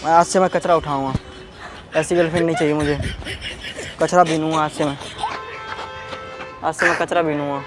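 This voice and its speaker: A man's voice: on the high side, fairly even intonation, brisk, pauses often, over music. A prank vlogger man talking brusquely and sulkily while pretending to be angry, in a casual argument. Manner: sulky, brusque, feigning anger.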